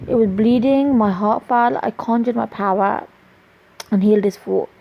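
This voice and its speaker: Gravelly woman reading her own story. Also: fairly high pitch, slight background noise. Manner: plain, halting reading with small restarts. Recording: dull lo-fi recording.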